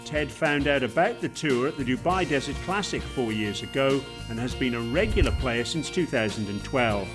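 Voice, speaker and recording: A man hosting a golf highlights show, reading a smooth, measured scripted voice-over. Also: animated. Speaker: show host and narrator. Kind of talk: scripted sports narration. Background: music.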